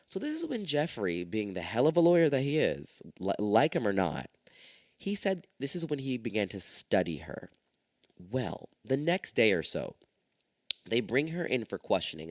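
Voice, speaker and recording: A male podcast host talks through a true-crime case in a loose, profane storytelling manner. His lowish voice rises and falls with lively swings. He sits close to the microphone in a dry, dead-sounding space. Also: no room sound. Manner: profane, animated retelling.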